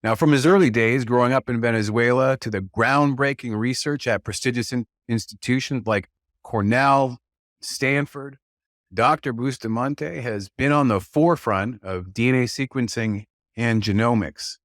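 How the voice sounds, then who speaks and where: A man's voice: medium pitch, normal speed, fairly bright tone, no echo, clean studio sound. A man hosting a podcast, reading an earnest scripted welcome and then chatting casually with his guest. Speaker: podcast host.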